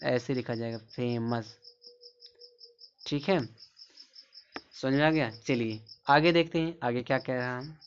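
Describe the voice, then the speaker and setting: A man's voice: mid-range voice, a little slow, pauses often. Repetitive male pronunciation teacher, lo-fi. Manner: repetitive, drills each word several times and asks rhetorical questions. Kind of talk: classroom-style lesson explaining spelling and pronunciation. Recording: slightly dull lo-fi sound with faint background noise.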